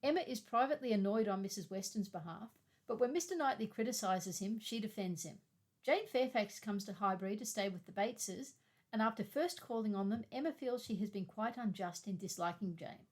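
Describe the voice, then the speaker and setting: Woman, book podcast co-host, brisk, matter-of-fact, mid pitch. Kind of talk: literary discussion podcast.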